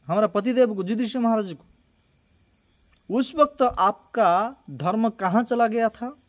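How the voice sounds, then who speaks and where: A man's voice: high voice, pitched below the performer's own voice. A man voicing an indignant, wronged young queen in a devotional storytelling, firing accusing rhetorical questions and repeating his words for emphasis. He barely changes his own voice for her.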